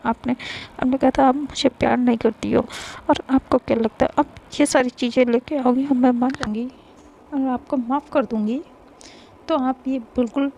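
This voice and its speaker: A woman plays a stern, jealous young girlfriend who fires off quick, bossy scoldings. The voice sits high, with a gravelly edge and a dark, mellow tone. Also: steady tone, slight background noise. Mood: indignant.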